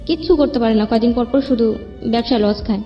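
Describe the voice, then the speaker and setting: A young woman with a Bangladeshi accent and a fairly high voice tells her life story as an interview guest, speaking a little fast in a loose, rambling, colloquial way. The audio is muffled and lo-fi, with music playing underneath.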